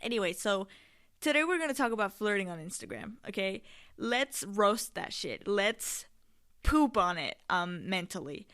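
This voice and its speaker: A woman's voice: medium pitch, expressive, normal speed, a bit bright, clear, resonant tone. A young adult woman hosting a casual solo podcast in a candid, slangy, emphatic and rambling way, often swearing. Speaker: podcast host.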